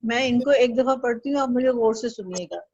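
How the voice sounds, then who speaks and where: A woman's voice: on the high side, a little fast, a little mellow, husky, no echo, dull audio. A woman teaching an online Chinese lesson, patiently drilling syllables and tones for the student to repeat.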